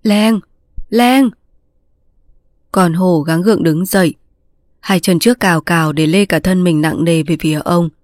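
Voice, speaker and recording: A woman reads a story aloud in a steady, measured way. Her voice sits low. The sound is dry and close, with no room around it. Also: dry recording. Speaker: narrator. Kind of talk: scripted story narration.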